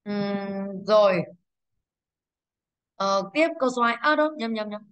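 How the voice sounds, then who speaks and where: A woman's voice: mid-range voice, measured pace, fairly bright tone, highs cut off. A woman teacher with a Vietnamese accent going over exam answers, explaining patiently, checking in with rhetorical questions and correcting herself. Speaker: English teacher. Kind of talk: exam review lesson.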